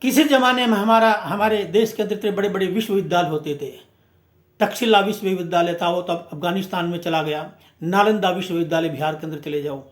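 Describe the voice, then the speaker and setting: High-voiced man in an echoey room. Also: fairly quick. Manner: emphatic, rhetorical, repeats phrases. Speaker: movement speaker. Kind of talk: impassioned speech.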